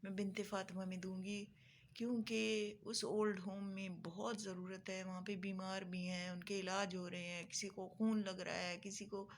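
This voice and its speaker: Woman vlogger, mid-pitched, tearful and earnest, repeats herself to press the point. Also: flat delivery, slight background noise. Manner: earnest, pleading, repeats phrases for emphasis. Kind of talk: emotional monologue to viewers.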